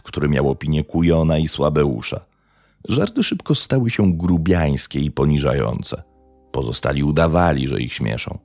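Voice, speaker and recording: A man narrating a true crime story in a measured, dramatic way. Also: deep voice, vocal fry, dark tone, dry recording.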